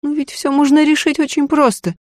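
A woman's voice: high voice, little pitch movement, a little fast, no room sound, clean studio sound, voice pushed up, close to an everyday voice. Woman doing timid frightened maid. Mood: pleading. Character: timid young housemaid, frightened, pleading.

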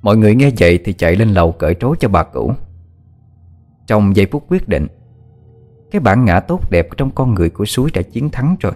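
A man narrating a dramatic horror story in a measured, expressive storytelling manner. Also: lowish voice. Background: faint music.

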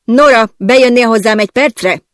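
An audiobook narrator voicing an angry, impatient male newspaper boss who barks commands and yells. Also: mid-range voice, no echo, studio quality, voice pushed up, lightly acted. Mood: demanding.

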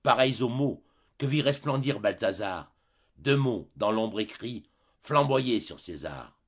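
A man reading a dramatic poem aloud as a volunteer audiobook reader, with measured, theatrical phrasing. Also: fairly low pitch, lively intonation, slightly rough, lo-fi sound. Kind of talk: slow dramatic poetry reading.

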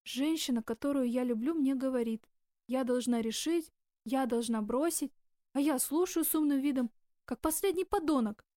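A woman voicing a tender, remorseful young man who speaks quietly and slowly in an audiobook. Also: high-pitched, dry recording, clean studio sound, close to an everyday voice. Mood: self-reproachful. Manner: quiet, slow, guarded.

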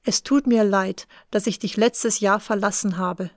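A woman reading the lines of a remorseful middle-aged uncle in an audiobook, calm and plain. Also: mid-range voice, a little slow, no room sound, clean studio sound, close to an everyday voice.

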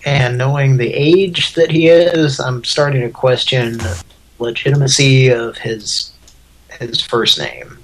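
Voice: medium pitch, slow pace, slight background noise, low-quality recording. A podcast co-host in casual chat, making dry absurd jokes. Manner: dry jokey, absurd bits.

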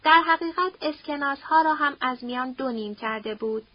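A woman narrating a novel as an audiobook in a steady, expressive storytelling manner. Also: sits high, dry recording. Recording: dull dry audiobook recording.

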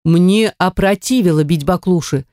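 A woman voicing an outspoken, energetic teenage girl who speaks bluntly and emphatically in a storybook reading. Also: fairly low pitch, moderate pace, dry recording, studio quality, natural voice. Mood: emphatic.

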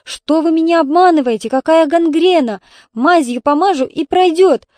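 A woman's voice: on the high side, animated, normal speed, dark tone, no echo, lightly acted. A woman voicing an old grandmother, a retired nurse, stubborn and tearful, speaking in a pleading, plaintive way. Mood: indignant.

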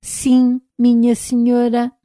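A woman voicing a timid, hoarse robot. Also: a little high, monotone, slow, dark tone, dry recording, voice pushed up. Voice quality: hoarse, like a machine needing oil. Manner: anxious, pleading, deferential. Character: timid frightened male robot, eager to please. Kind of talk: audiobook character reading.

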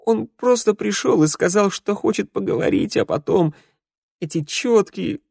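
A man's voice: high-pitched, expressive, moderate pace, gravelly, darkish tone, breathy edge, no room sound, voice pushed up, heavily acted. A man reading an audiobook and voicing a young male undead who sobs and pleads, full of guilt, in a dry close recording. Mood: sobbing pleading. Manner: sobbing, broken pleading.

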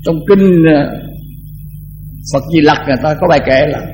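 An older man, a Buddhist monk, giving a conversational dharma talk that often repeats words and slows down to chant verses. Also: fairly high pitch, a little mellow, soft background music, low-quality recording.

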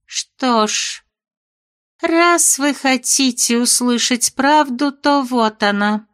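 Evasive fairy headmistress read by a woman, soothing yet dismissive, slightly high voice, audiobook character. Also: slow pace, a bit bright.

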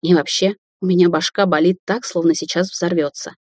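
A woman's voice: lowish voice, fairly even intonation, fairly quick, a little mellow, close to an everyday voice. Woman doing a dazed, lovestruck young woman. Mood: flustered.

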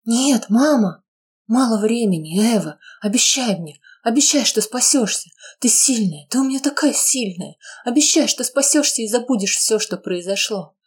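A woman's voice: fairly high pitch, lively intonation, normal speed, darkish tone, slightly rough, voice pushed up. Woman doing a dying mother in a half-whisper. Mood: urgent. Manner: weak, urgent, half-whispered. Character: dying mother, weak but insistent.

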